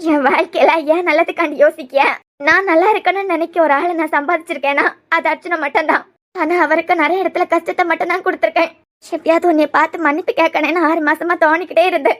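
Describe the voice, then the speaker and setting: A woman's voice: very high voice, steady tone, fast talker, fairly bright tone. A woman voicing a remorseful, lonely young woman in a cartoon, with a Kanyakumari Tamil accent and a pleading, confessional way of talking.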